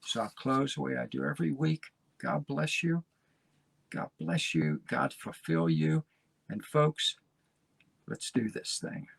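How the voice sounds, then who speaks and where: A gravelly, husky man in his seventies, talking in a folksy, rambling way and urging his listeners on. His pitch swings widely, and the recording is close and dry. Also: expressive, a little slow, fairly bright tone, no echo. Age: 70s. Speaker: podcast host. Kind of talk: motivational casual talk.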